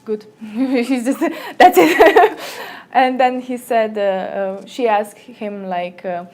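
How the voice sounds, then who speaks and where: This young woman from Slovenia talks in slightly high-pitched, second-language English. She tells stories in an animated way, often jumping into brighter voices to mimic the people she quotes. She sounds like she's in a small office room. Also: slow. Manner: lively storyteller, acts out quotes in a higher voice. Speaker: guest. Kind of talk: casual interview chat.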